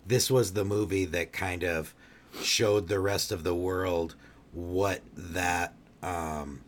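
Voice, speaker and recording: A man's voice: sits low, steady tone, takes it slowly, slight background noise. A man co-hosting a casual podcast chat, hesitant and full of um and like fillers.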